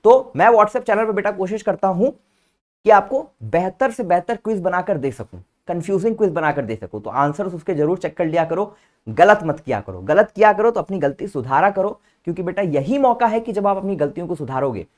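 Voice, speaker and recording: A man's voice: high-pitched, animated, fairly quick. A male teacher giving an online vocabulary lesson, patiently spelling each word out letter by letter and calling his students "beta" in a fond, coaxing way. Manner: calls listeners "beta" fondly.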